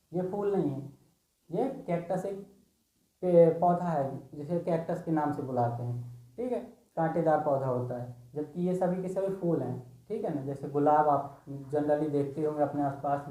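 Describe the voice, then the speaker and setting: A man teaches an exam-prep reasoning class, his voice warm and relaxed. He explains each answer step by step, pausing often to check that his students are following. The recording has a noticeable room echo. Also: fairly high pitch. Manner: explains step by step with frequent "theek hai" checks.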